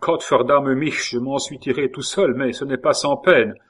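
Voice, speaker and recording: A man's voice: medium pitch, steady tone, moderate pace, fairly bright tone, husky, pitched above the performer's own voice. A man reading aloud, voicing a boastful swearing young male courtier who has been dyed blue. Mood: indignant. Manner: blustering, swears oaths. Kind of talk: audiobook reading.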